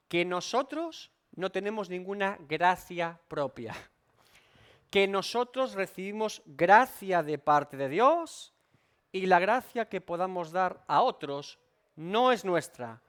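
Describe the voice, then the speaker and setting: Emphatic high-voiced pastor. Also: male voice. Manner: emphatic, repeats and rephrases points, asks rhetorical questions. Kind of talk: expository Bible study sermon.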